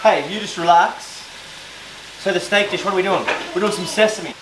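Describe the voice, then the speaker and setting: A man talks through his meal prep in a loose, joking, self-mocking way, his voice sitting a touch high for a man. The camera mic picks him up in an echoey home kitchen with a faint sizzle of pans behind him. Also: moderate pace. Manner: chatty, jokey, self-mocking, loose with fillers. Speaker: fitness vlogger doing meal prep. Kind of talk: casual cooking vlog. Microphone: camera mic, filmed by a helper. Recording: roomy kitchen with faint cooking noise.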